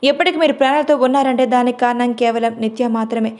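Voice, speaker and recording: A woman's voice: fairly high pitch, level tone, quick pace, a little mellow, natural voice. A woman storyteller voicing a protective young man who comforts and then scolds in a storybook. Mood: angry. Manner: firm and scolding. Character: protective young man, tender but quick-tempered.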